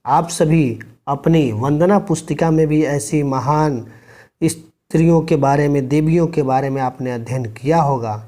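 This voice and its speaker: A man's mellow, soft-edged voice, sitting a little high for a man, explains a textbook chapter to his pupils. He speaks slowly and deliberately, reading each line and then spelling out what it means. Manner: reads a passage aloud, then explains it line by line, urging students. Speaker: school Hindi teacher.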